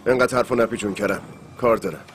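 A man's voice: fairly low pitch, soft background music, natural voice. An actor dubbing a curt, impatient man in a TV drama. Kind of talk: dubbed TV drama dialogue.

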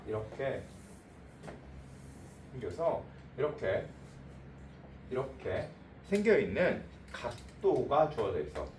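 A man's voice: medium pitch, darkish tone. A male math teacher lecturing a class in a blunt, informal way, checking again and again that the students got it. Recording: echoey room, voice from a distance, faint noise.

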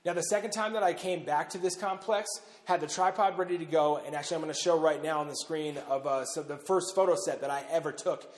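This bunker owner in his thirties hosts an informal talk to camera inside a large underground silo, talking fast with hardly any pauses and leaning on fillers like "uh" and "pretty much." His voice is on the high side, and the silo adds long reverb.

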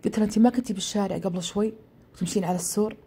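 Rapid-fire woman telling a scary tale. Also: medium pitch, steady tone, warm tone, husky. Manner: breathless, repetitive retelling that keeps repeating "he says". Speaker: storyteller. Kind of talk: retelling a horror story.

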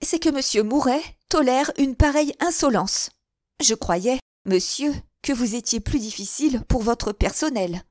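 A woman voicing a haughty, jealous wealthy lady who speaks in shrill, indignant outbursts. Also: unhurried, darkish tone, dry recording, clean studio sound. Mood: indignant, scornful.

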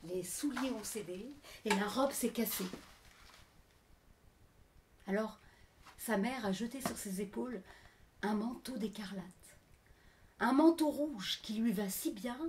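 A woman storyteller giving a theatrical performance, speaking expressively with dramatic pauses. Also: mid-range voice, darkish tone, slight background noise.

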